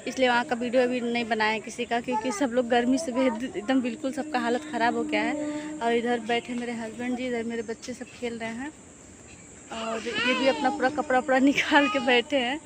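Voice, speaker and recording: A woman's voice: fairly high pitch, steady tone, fairly quick, over a noisy crowd. Chatty woman vlogger, Bhojpuri-tinged Hindi. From eastern Uttar Pradesh, India. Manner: chatty, repeats "what to say" often. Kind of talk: casual vlog chat. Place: outdoors at a village home.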